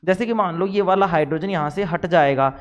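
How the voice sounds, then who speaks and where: A male teacher with a high voice gives a classroom lecture. He fires questions at his students and answers them himself. His voice rings with a long reverb, as if he were recorded in a hall. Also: fairly quick, lo-fi sound. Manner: voices imagined student replies.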